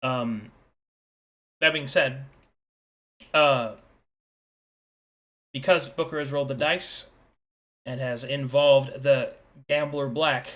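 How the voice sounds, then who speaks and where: A man's voice: mid-range voice, a bit bright. A man talking casually to players and listeners as host and game master of a tabletop role-playing show.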